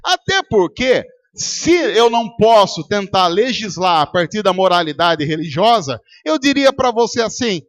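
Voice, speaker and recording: Preaching a sermon at a church service, a pastor with a Brazilian Portuguese accent speaks at a measured pace with few pauses. His high-pitched, fairly bright voice has big pitch swings as he argues rhetorically, questions the congregation and acts out arguments.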